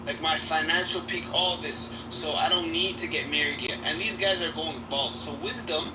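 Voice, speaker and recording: A man's voice: on the high side, moderate pace. A man in his late twenties arguing defensively, calling everyone "brother". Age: 20s. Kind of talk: casual chat. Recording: echoey room, far from mic, noisy.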